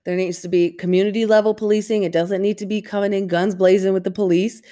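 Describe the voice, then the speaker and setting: A woman's voice: mid-range voice, level tone, fast, mellow. A woman co-hosting a casual podcast in an informal, self-deprecating way, with trouble saying her R sounds. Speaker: podcast co-host.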